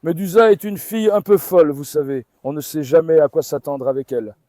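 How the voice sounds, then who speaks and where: A man talking casually in a vlog while coaxing and calming his dogs on a farm. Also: on the high side, a little fast, no room sound. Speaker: farm dog owner and vlogger.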